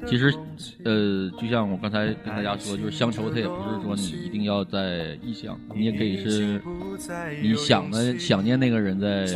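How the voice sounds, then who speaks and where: A man hosts a radio show in casual, bantering chat. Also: fairly low pitch. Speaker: radio host. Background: instrumental music with guitar.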